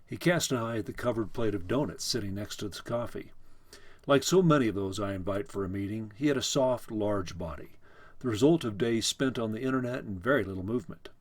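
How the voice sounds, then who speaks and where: A middle-aged man reading his own short story aloud in a calm, wry, measured manner. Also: on the low side.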